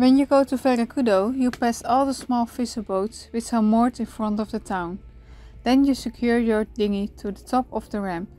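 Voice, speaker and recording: A woman explaining step by step how to land a dinghy, in a clear instructional voice-over. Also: fairly high pitch, moderate pace, warm tone, faint music behind. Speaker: vlog co-host.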